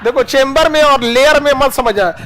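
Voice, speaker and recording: A man's voice: very high voice, normal speed, noisy background. A man teaching a classroom lecture, quizzing the class with constant questions in a folksy, playful way. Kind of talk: call-and-response classroom lecture.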